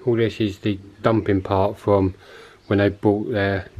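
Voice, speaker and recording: A man's voice: lowish voice, level tone, unhurried, darkish tone, highs cut off. Chatty man exploring an abandoned building. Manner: chatty, offhand, thinking aloud. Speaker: urban explorer vlogger. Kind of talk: casual walkthrough commentary. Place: inside an abandoned pub. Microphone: handheld camera mic while walking.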